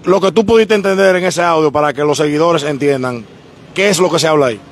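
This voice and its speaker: A man works as a street reporter. He fires off quick questions in a fairly high voice. Light street noise sits under the recording. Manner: brisk, questioning. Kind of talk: on-the-street news interview. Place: outdoors on a busy street. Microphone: handheld mic.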